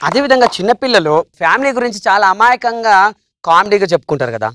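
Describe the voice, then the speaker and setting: A man doing stand-up comedy on a studio stage, telling jokes in quick runs and slipping into quoted voices. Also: high-pitched, animated, over loud music. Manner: rapid storytelling, switches into quoted voices.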